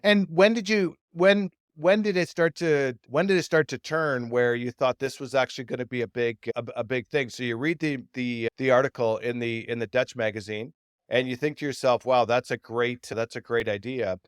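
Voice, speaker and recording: A man's voice: medium pitch, steady tone, normal speed, clear, resonant tone, no echo, studio quality. Rambling male podcast host. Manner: repeats words, rambling questions. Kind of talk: interview.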